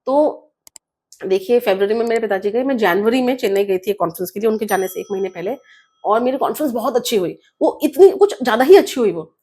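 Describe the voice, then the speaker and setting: A woman's voice: a little high, lively intonation, quick pace, mellow, husky. A woman guest telling a personal story in an interview, earnest, often mixing English words into her speech. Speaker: guest author.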